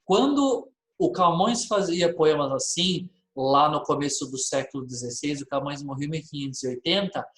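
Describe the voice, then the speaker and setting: A man's voice: a little high, moderate pace, hardly any pauses, echoey room. A man, teaching a literature lesson and checking in often with his class.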